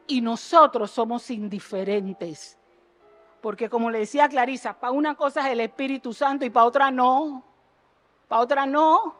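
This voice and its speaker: In a church sanctuary, a woman preaches an impassioned sermon, swinging from loud exhortation to low, earnest asides. She fires rhetorical questions at the congregation.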